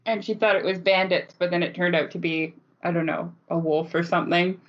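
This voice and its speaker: Woman podcast co-host, chatty game master, quick to laugh, muffled lo-fi recording. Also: on the low side. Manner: laughs often, animated storytelling. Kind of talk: casual chat. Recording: dull lo-fi podcast audio.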